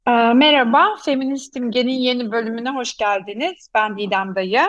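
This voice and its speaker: A woman hosting a talk programme, presenting and explaining, pausing now and then to find her words. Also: fairly high pitch, fairly even intonation, fairly bright tone, highs cut off. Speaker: host. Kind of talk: semi-scripted programme presenting.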